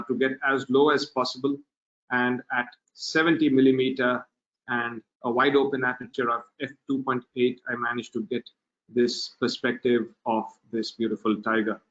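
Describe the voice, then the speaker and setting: A man presenting a wildlife photography webinar, talking in a relaxed, unhurried way with many filler pauses over a video call. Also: medium pitch. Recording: dull lo-fi webinar audio.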